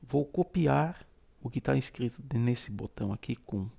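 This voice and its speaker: A man guides viewers through a phone tutorial, patiently describing every gesture he makes. His mid-pitched voice is deeply gravelly and mellow. He sounds steady and unhurried. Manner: patient, explains each gesture aloud. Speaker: tutorial host. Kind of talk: step-by-step screen-reader tutorial.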